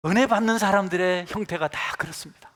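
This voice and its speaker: Pastor preaching with big swings. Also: male voice, high voice, quick pace. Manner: swings between hushed, intimate asides and loud, emphatic preaching. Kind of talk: sermon. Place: large church sanctuary. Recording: church service with long hall reverb.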